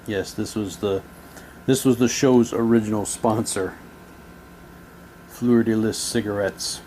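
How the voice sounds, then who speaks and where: A man presents audio drama props in a casual show-and-tell, moving between chatty remarks and reading printed material aloud. His lowish voice is warm and steady, a little slow, and there's noticeable background noise.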